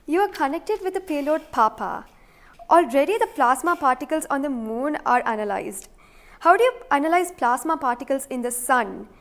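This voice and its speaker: A woman's voice: high-pitched, lively intonation, normal speed, a bit bright. A woman host with an Indian English accent formally introducing guests and asking questions. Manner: formal, polite. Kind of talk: broadcast interview moderation.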